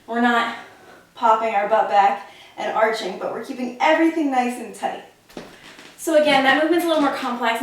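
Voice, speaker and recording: Fitness coach lady, highish voice, a bit winded, super echoey room, mic kinda far off. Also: a little hiss or hum. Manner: instructive, demonstrates while talking. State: slightly out of breath. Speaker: fitness instructor. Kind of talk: demonstrating exercise technique.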